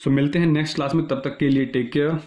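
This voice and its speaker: A man's voice: a little high, steady tone, darkish tone. A male teacher, explaining exam logic step by step in an online lesson. He often checks whether students are following. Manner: reads statements slowly, then explains quickly.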